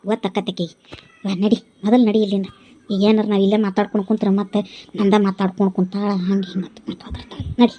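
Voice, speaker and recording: An older motherly village matron, as a woman voices her for a cartoon, coaxing and chiding in a homely North Karnataka accent. Her voice sits lower than the performer's own and has a gravelly fry. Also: steady tone, a little fast, darkish tone. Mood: urging. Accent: North Karnataka Kannada. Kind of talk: cartoon voice acting.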